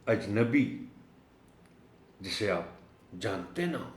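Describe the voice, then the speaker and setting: A man teaching a recorded lesson for teachers, explaining words slowly and drawing out the key ones. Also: lowish voice, animated, roomy sound. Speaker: teacher trainer.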